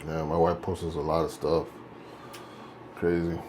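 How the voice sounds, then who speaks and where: A man in his late forties speaks slowly and flatly in a low voice while shaving for his vlog, with background noise audible. His talk wanders in a laid-back way, punctuated by self-corrections.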